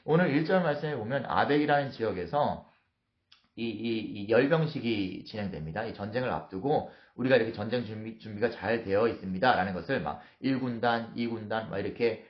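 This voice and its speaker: A man's voice: on the low side, animated, a little fast. A male pastor preaching a morning devotional, telling the story vividly and acting out its scenes. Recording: roomy, dull lo-fi sound.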